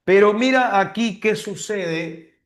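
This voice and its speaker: A man's voice: sits high, slow pace, reverberant. A man teaching literature in an online class, stretching out words as he dictates verses and playfully imitating confused students.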